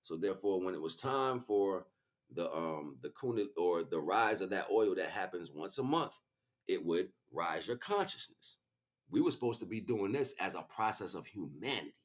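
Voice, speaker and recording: A livestream host and spiritual teacher gives an informal spiritual lecture off the cuff, repeating phrases emphatically and checking in with his listeners often. His low-pitched voice swings widely in pitch at a normal speed.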